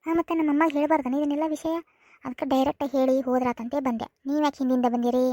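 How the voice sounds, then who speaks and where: A woman's voice: sits high, little pitch movement, rapid-fire, mellow, dry recording, clean studio sound, close to an everyday voice. A woman voicing a spoiled, sulky young wife in a cartoon comedy, with a North Karnataka accent, whining and repeating her complaints. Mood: indignant. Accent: North Karnataka Kannada. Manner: whiny, complaining, repeats herself.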